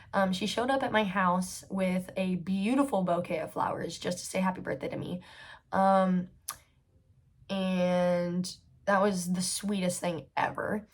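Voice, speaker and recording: A young woman of twenty talks on her own podcast in a casual, candid way. She fills her speech with fillers and swears freely. Her voice sits at an ordinary middle pitch for a woman. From United States. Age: 20s. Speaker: podcast host. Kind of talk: casual solo podcast storytelling.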